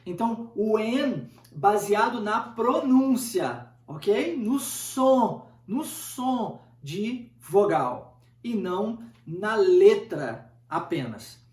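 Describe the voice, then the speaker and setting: A man with a high, expressive, slightly mellow voice speaks very slowly as an English teacher giving an informal lesson. He's conversational, repeating points and checking in with rhetorical questions, in a roomy recording distant from the mic.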